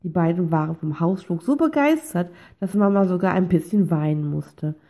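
Female storybook narrator, warm dark tone, gentle delivery. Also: fairly low pitch, animated, moderate pace. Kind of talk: reading a children's story aloud.

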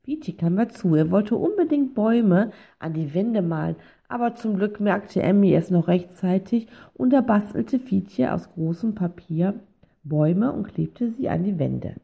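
A woman reading a children's story aloud in a gentle, even storytelling manner. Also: mid-range voice, a little slow, gravelly, husky. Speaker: narrator.

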